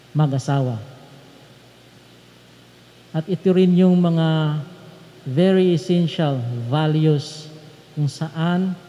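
Slow-preaching Filipino priest in a big church. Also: male voice, on the high side. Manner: slow, measured preaching, switching between English and Tagalog. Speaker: priest officiating a wedding. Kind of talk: wedding homily. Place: large stone church. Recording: dull sound with long church reverb.

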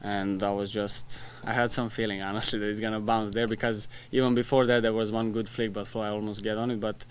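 Young guy at a post-game presser, low flat voice, halting, keeps restarting, desk mic. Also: a little hiss or hum. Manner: plain, halting answers with restarts and soft laughs. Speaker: soccer player. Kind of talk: post-match press conference. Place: press room in front of a sponsor backdrop. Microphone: desk mic in front of him.

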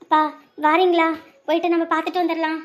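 A woman's voice: extremely high pitch, little pitch movement, quick pace. An actress playing a worried wife and mother who talks in a pleading way. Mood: anxious. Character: anxious adult wife and mother.

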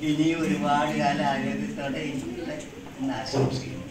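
A man delivers formal wishes for long life at a celebration. His voice is slightly high and far from the microphone. The hall echoes and a loud crowd sits behind him. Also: completely flat delivery, moderate pace. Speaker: guest speaker. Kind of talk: celebration speech.

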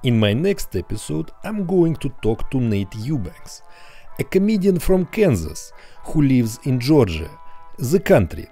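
A man's voice: mid-range voice, warm tone. A man with a Russian accent reading a scripted podcast outro as host. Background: music.

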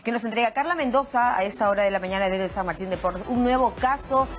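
A woman's voice: a little high, fast, music in the background. A woman from Peru presenting the news in a TV studio, formal and composed. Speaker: news anchor.

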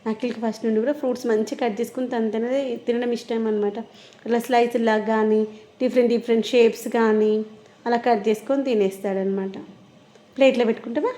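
A woman's voice: fairly high pitch, fairly even intonation, a little fast, warm tone. A woman chatting casually and explaining things to viewers as a vlogger. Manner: explanatory, conversational. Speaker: vlogger and mother.

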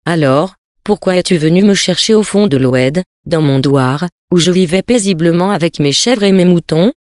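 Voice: mid-range voice, moderate pace, a little mellow, dry recording, clean studio sound, close to an everyday voice. A reader voicing a wronged, ailing young Bedouin woman who pleads and then hurls accusing questions, in a storybook reading.

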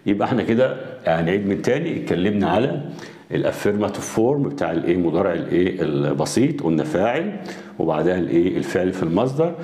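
A man with an Egyptian Arabic accent gives a grammar lesson in a low voice. He keeps asking the class questions and then answers them himself, and he spells out English examples slowly. His voice rings off the walls of an echoey room. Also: warm tone. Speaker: English teacher.

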